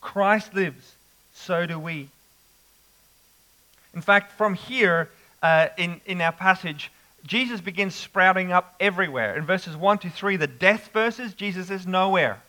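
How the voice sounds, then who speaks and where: A man preaching an expository sermon, slow and emphatic with dramatic pauses. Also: sits high, pushed and bright, rough recording.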